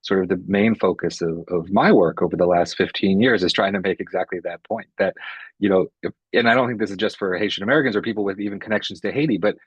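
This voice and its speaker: A man's voice: low-pitched, fast, slightly rough, no room sound. A man researcher speaking as a panelist in an online discussion, conversational and tagging his points with "right?". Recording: dull, dry webinar audio.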